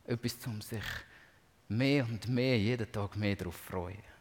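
A man preaching a sermon. He reads scripture with passion, rising to loud emphasis and sinking to near-whispers. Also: on the low side, a little slow. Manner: impassioned, swelling to loud emphasis then dropping to near-whispers. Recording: long hall reverb.

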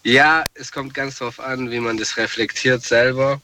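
A man's voice: mid-range voice, steady tone, a little slow, sharp tone. A man from southwest Germany calling in to a radio show over the phone, thoughtful and hesitant. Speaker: caller. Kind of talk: call-in radio chat. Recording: distant phone line with hiss.

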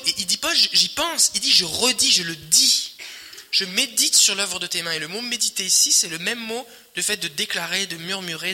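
A man preaching, his voice high and piercingly bright. He drives his points home by repeating phrases, rising loud and then sinking almost to a murmur. The sound rings in a long reverb, as from a large hall. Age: adult, married. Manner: emphatic, repetitive preaching with swells and quiet drops. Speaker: pastor. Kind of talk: sermon.

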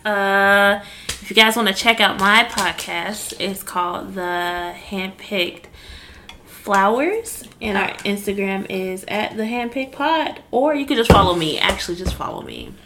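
A woman's voice: mid-range voice, unhurried, sharp tone. A woman chatting as a guest on a podcast, playful and easygoing. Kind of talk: casual chat. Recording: echoey room with faint noise.

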